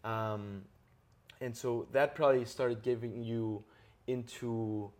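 A man's voice: mid-range voice, steady tone, slow pace, a little mellow. Earnest man coaching with tag questions. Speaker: podcast host. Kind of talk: interview conversation.

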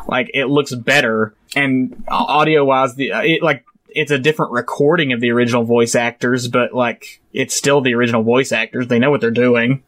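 A young man co-hosting a casual podcast, animated and chatty, laughing often and leaning on filler words. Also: mid-range voice, normal speed, hardly any pauses. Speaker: podcast co-host.

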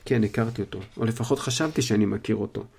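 A man voicing a calm, kind male teacher in a spoken storybook reading. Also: fairly low pitch, creaky, husky. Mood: gentle.

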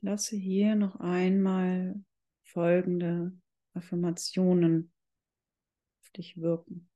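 A yoga instructor guiding a meditation in calm, measured, drawn-out phrases. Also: mid-range voice, lo-fi sound. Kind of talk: slow guided yoga meditation.

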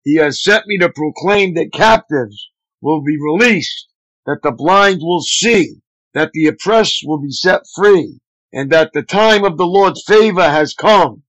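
A male pastor reading scripture aloud at a steady, measured pace. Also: on the high side, no room sound, poor audio.

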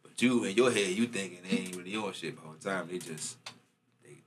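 A man's voice: low-pitched, brisk, a little hiss or hum. A man chatting casually and emphatically in slangy frat-bro banter, repeating himself for emphasis and swearing freely. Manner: emphatic, repeats phrases to make a point. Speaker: podcast co-host.

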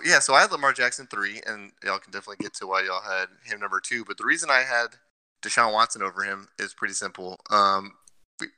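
A man's voice: lowish voice, sharp tone, smooth, no echo, poor audio. A man co-hosting a casual sports podcast, laying out his picks with stats and reasons. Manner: analytical, cites stats. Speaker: podcast co-host.

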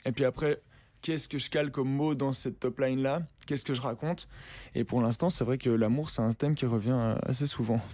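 Speaking briskly at medium pitch, a young musician guest chats loosely during an interview, full of slang, fillers, and restarts. There's no room sound on the track.

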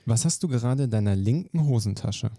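Gravelly-voiced male podcast host. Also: mid-range voice, dry recording, clean studio sound. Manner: brisk, lively questioning. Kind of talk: quick-fire question interview.

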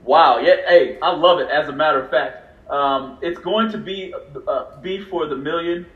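A man from California co-hosting a racing livestream, excitable and chatty, laughing often as he talks. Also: fairly high pitch, normal speed. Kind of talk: casual livestream chat. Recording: roomy, dull lo-fi sound.

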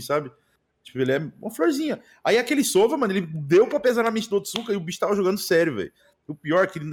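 Brazilian man, streamer guest, rapid slangy chat, slightly high voice. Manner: slangy, animated, repeats mano and velho. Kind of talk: casual podcast chat.

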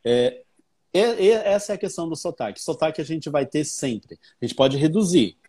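A man's voice: fairly high pitch, animated, normal speed, warm tone, breathy edge. A man from Brazil, a guest English teacher, explaining patiently with many examples. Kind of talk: explanatory conversation.

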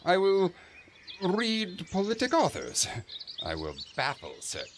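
Guy doing a vain puffed-up steward, slow and savoring, voice swooping way up and down, bit high. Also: wildly swooping pitch, slight background noise, heavily acted. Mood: gloating. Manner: preening, savoring each word, theatrical swoops. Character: pompous self-deluded male steward, middle-aged. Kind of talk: amateur reading of a classic stage play.

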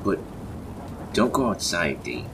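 A man voicing a bold, stubborn woman who shouts scornful outbursts. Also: sits low, big pitch swings, slow, vocal fry, noisy background, exaggerated voice. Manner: loud, sneering outbursts.

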